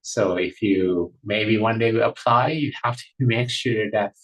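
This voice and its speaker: Slow, husky-voiced monk teaching meditation. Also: male voice, lowish voice, rough recording. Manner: hesitant, many fillers and restarts. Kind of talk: live online meditation talk.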